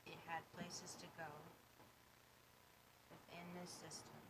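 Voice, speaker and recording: Woman, game master, tabletop narration, unhurried, measured, background hiss. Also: on the low side, flat delivery, creaky. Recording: noisy stream audio.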